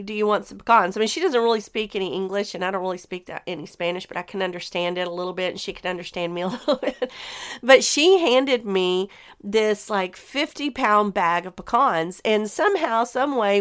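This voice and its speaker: Lady podcaster rambling on, laughs a lot, smooth clear voice, mid pitch. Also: fairly bright tone. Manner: chatty, rambling, laughs often. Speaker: podcast host. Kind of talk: casual solo podcast chat.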